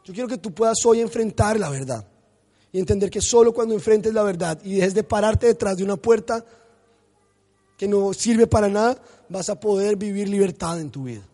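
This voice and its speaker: A man, a pastor preaching a sermon with animated storytelling. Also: sits high, moderate pace. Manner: animated storytelling, acts out voices.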